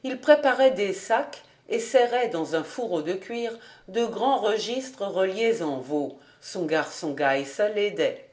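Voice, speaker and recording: Audiobook narrator for a classic novel; slow, measured, mid-pitched reading. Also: expressive. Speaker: audiobook reader.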